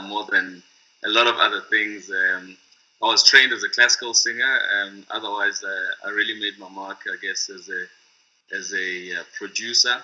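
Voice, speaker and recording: Man, middle-aged, music producer, low voice, hesitant and thoughtful, dull lo-fi sound. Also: sharp tone. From South Africa. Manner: thoughtful, hesitant, searching for words. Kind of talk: reflective talk to camera. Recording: dull lo-fi recording.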